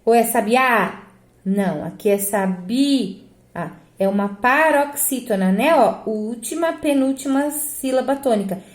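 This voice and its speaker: Brazilian woman teacher, higher voice, step-by-step grammar explainer, echoey room. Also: normal speed, few pauses, darkish tone. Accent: Brazilian Portuguese. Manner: explains step by step, asks herself rhetorical questions. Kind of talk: grammar lesson correcting exercises.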